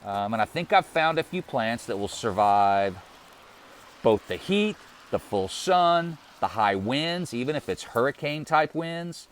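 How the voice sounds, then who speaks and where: A man's voice: mid-range voice, a little slow, a little hiss or hum. A man hosting a gardening channel, walking through his outdoor deck plants in an easygoing, plainspoken way with casual fillers. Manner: relaxed, friendly, plainspoken with fillers. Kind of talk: casual garden tour walkthrough.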